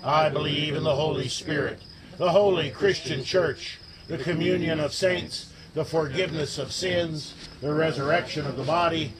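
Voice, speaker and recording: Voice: medium pitch, moderate pace, a crowd in the background, poor audio. A congregation reciting in unison. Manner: steady unison chant. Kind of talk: reciting creed and prayer in unison.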